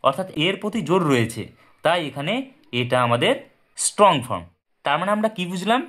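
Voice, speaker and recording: Male teacher, slightly raised pitch, patient, walks through examples step by step. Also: expressive, a little fast, fairly bright tone. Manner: patient, repeats points and asks then answers his own questions. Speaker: English teacher. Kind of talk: explaining a lesson. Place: indoors at a desk with paper and pen.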